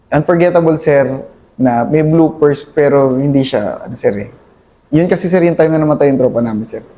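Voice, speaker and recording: A young man, a Filipino soldier, recounts a battle in a halting interview, calling his listener sir at nearly every pause. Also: fairly high pitch, dark tone. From Philippines. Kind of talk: conversational war story interview.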